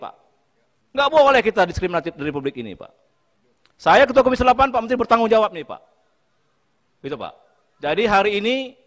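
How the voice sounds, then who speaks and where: A man's voice: sits high, a bit bright. A man chairing a parliamentary committee hearing, pleading emphatically and repeating his address to the minister again and again. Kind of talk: impassioned hearing speech. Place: large parliamentary meeting room. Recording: long reverb in a hearing chamber.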